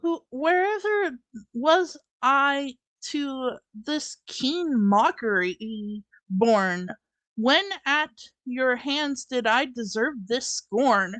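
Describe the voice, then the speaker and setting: A woman voicing a lovelorn young noblewoman in an amateur Shakespeare reading, halting and restarting her lines. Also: high-pitched, animated, fairly bright tone, no room sound, full character voice. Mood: hurt.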